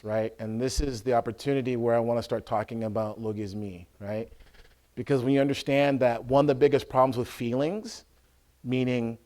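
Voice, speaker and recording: Priest giving a lively teaching talk. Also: male voice, mid-range voice. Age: adult with a school-age son. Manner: checks in with listeners, acts out scenes loudly.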